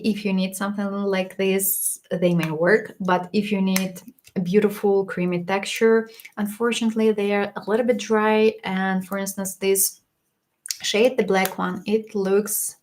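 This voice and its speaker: A woman hosting a makeup livestream gives a casual product review, chatty and frank, with small laughs and restarts. She's slightly losing her voice, so it sounds a bit worn. Her medium-pitched voice is a little mellow, with a touch of hiss or hum in the audio.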